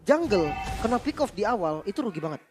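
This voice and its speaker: Esports caster, male, Indonesian accent, high pitch, rapid match commentary. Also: big pitch swings. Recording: music behind the voice. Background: music.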